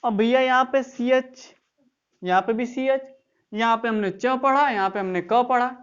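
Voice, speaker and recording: A woman's voice: on the high side, measured pace, smooth, muffled recording. A woman teaching English grammar in an online class, explaining step by step and often checking that students follow.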